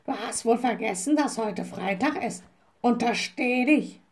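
Woman doing a bossy raven guy, calm but scolding, slowish. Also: on the high side, close to an everyday voice. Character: stern, sensible male raven companion.

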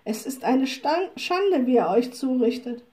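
A woman reading a storybook, voicing a lively, kind little witch who speaks eagerly. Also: high-pitched, measured pace. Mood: determined. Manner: eager, spirited. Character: lively young girl witch, plucky and kind.

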